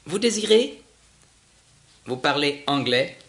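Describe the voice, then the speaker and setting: A man reading aloud and voicing a dry, unimpressed Martian woman with clipped, sharp replies. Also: low-pitched, very animated, slow, heavily acted. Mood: curt.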